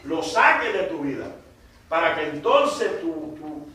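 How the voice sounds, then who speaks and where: A man's voice: on the high side, big pitch swings, measured pace, pushed and bright, a little hiss or hum. A man preaching fervently at a church Bible study, with an emphatic cadence. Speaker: pastor. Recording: echoey church hall, distant mic.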